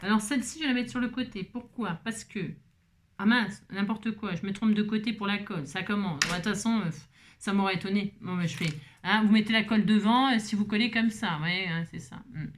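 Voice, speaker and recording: A woman's voice: mid-range voice, a little fast, a little hiss or hum. A woman hosting a craft tutorial, chatting casually and humming little tunes as she works. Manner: chatty, hums and sings little tunes while working.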